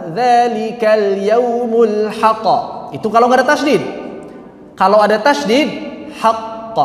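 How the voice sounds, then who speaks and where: High-voiced man teaching recitation, echoey. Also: fairly bright tone. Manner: demonstrates examples slowly, then corrects with short asides. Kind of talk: tajwid lesson with recited examples. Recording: echoey room with long reverb.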